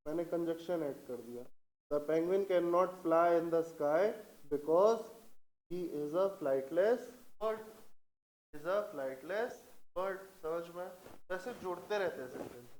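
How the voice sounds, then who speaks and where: A man teaching English grammar in a classroom, who dictates example sentences slowly and keeps asking the class if it is clear. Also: a little high, a little mellow, echoey room, low-quality recording.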